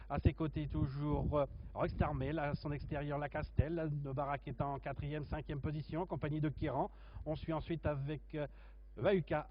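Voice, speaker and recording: A man giving live horse racing commentary, haltingly listing the runners in order. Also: a little high. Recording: muffled, noisy racecourse commentary feed.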